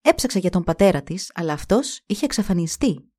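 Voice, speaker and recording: A woman's voice: lowish voice, sing-song, a little mellow. A woman narrating a folk fairy tale expressively, giving each character a voice of her own. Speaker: storyteller.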